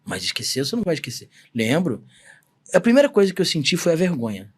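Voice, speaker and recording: A man's voice: a little high, big pitch swings, fast talker, husky. A man in his forties from Brazil, a samba singer telling a personal story in a podcast interview, earnest and emphatic. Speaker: guest, samba singer-songwriter.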